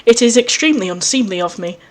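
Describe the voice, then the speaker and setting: A woman's voice: medium pitch, lively intonation, fast, close to an everyday voice. A woman reading the lines of a strong, sweaty young male troll who talks in a stiff, overly formal way.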